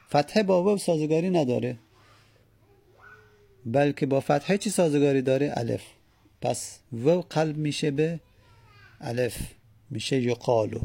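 A man giving a lecture on grammar, asking questions and answering them himself, and stretching out each word form slowly syllable by syllable. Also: medium pitch, gravelly, warm tone, husky. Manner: drawn-out syllable-by-syllable spelling of word forms. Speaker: Arabic grammar teacher. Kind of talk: classroom lecture on Arabic morphology.

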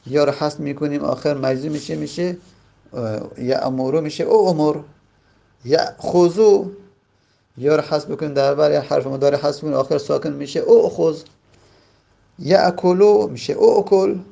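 A man with a gravelly voice that sits a little high teaches a grammar lesson. He explains each rule step by step. He repeats and stretches out the example words. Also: pauses often, dark tone. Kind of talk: classroom lesson.

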